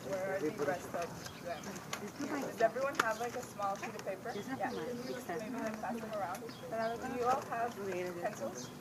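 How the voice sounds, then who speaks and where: A young woman from Mexico leading an informal conference workshop, soft-spoken and casual, with many filler words. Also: on the high side, measured pace. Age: young adult. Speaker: workshop speaker. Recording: noisy room with a far-off mic.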